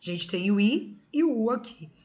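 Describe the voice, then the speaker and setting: A woman's voice: medium pitch, lively intonation, normal speed, darkish tone. A woman teaching an exam-prep grammar lesson, explaining step by step and often checking in with her students. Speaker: Portuguese teacher.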